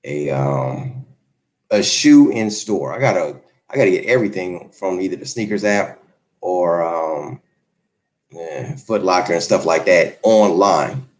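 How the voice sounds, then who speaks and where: A YouTube creator in his forties hosts a livestream from home in Los Angeles, chatting casually and reading viewer comments. His lowish voice jumps around a lot in pitch as he rambles at a measured pace, relaxed, easygoing and friendly, answering off the cuff.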